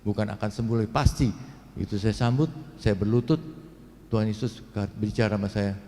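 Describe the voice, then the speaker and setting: Animated man preaching in an echoing hall. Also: lowish voice, a little fast. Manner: animated storytelling, acting out quotes and sounds. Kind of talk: sermon with personal testimony. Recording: long hall reverb.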